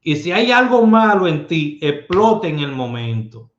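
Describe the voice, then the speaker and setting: A man's voice: fairly high pitch, sing-song, a little slow. A man giving streetwise advice in a casual monologue, emphatic and full of rhetorical questions. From Dominican Republic. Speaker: lottery numerologist host. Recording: echoey room, dull lo-fi sound.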